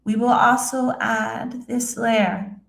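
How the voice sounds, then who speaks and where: A woman speaking as a seance medium, voicing a serene female spirit guide with halting, solemn phrases and long pauses. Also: a little high, steady tone, gravelly, a bit bright, a little hiss or hum, exaggerated voice. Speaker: trance channeler, seance medium. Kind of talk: trance channeling, addressing listeners as a spirit. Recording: roomy, echoing sound.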